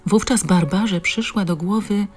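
A woman narrating an audiobook in a measured, expressive reading. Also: medium pitch, faint music behind. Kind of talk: scripted narration.

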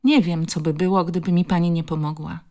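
Small bullied schoolgirl, woman reader doing it, teary, high and pleading. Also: steady tone, brisk, dark tone, close to an everyday voice. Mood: timid.

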